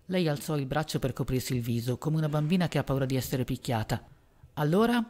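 A man narrating a novel as an audiobook in a measured, even reading voice. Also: mid-range voice.

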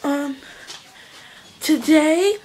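A woman's voice: high-pitched, drawn-out words, a little mellow, rough recording. Chatty girl vlogging from her bedroom. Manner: chatty, rambling with many fillers. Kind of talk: casual show-and-tell vlog. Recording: home video with background noise.

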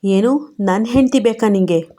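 A woman doing a rough hot-headed young husband. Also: medium pitch, measured pace, dark tone, lightly acted. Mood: angry. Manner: blunt, rough-tongued, tender reassurance.

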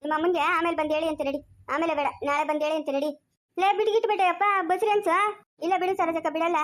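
A woman acting out a fussing village woman with a rural Chikkaballapur Kannada accent, who chatters, coaxes and scolds. Her voice sits very high and races along at a breakneck clip. The skit is an amateur village drama. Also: fairly even intonation. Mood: coaxing. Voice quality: quick chattering, coaxing and scolding. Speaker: actor in a family village skit.

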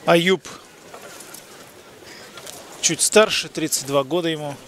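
A man's voice: a little high, takes it slowly, slight background noise. A man giving live boxing commentary in a conversational way. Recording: loud music behind the voice. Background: loud music, event hall sound.

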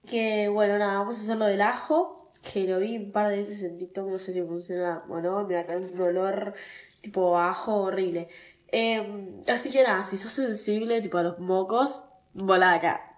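A woman's voice: medium pitch, fairly even intonation, moderate pace. A young woman with an Argentine accent, talking casually to her followers while stuffy-nosed from a cold, chatty and self-mocking, whining when it hurts. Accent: Argentine Spanish. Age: young adult. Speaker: TikTok creator. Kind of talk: casual vlog chat.

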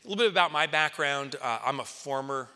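A man in his forties giving an animated stage keynote, telling stories and acting out quotes with sudden excited highs, on a headset mic. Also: a little fast. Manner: lively storyteller, acts out quotes and jumps to excited highs. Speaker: keynote speaker. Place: large conference hall, on stage in front of an audience. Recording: reverberant hall.

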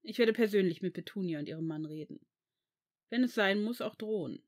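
A reader voicing an old male headmaster in a fan fiction audiobook, measured and calm, turning stern. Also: mid-range voice, close to an everyday voice.

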